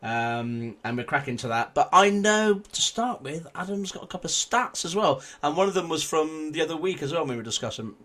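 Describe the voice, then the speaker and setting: Higher-voiced man hosting a radio show. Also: lively intonation, brisk, hardly any pauses, fairly bright tone. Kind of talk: casual radio presenting.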